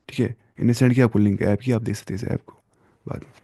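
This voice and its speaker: A man's voice: lowish voice, fairly even intonation, creaky, mellow, no echo. Man teaching tajweed, dry close sound. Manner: mixes English terms into his explanations, asks and answers his own questions. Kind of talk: online lesson explaining terms.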